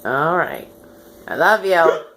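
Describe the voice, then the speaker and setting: A woman's voice: low voice, sing-song, slow pace, a bit bright. A woman filming her husband on her phone at home, teasing him in a casual chat and laughing often. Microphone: phone camera. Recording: faint background noise.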